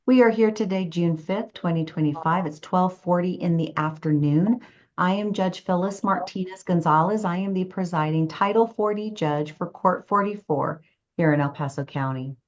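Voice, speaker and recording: A woman judge speaking in a measured, formal, procedural way, heard on a courtroom recording that is being played back. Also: fairly low pitch, dull audio.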